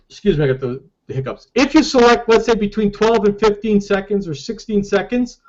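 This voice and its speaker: A man leading a casual group call as a marketing team leader, emphatic and repeating "okay?" often, over dull lo-fi call audio. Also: high-pitched.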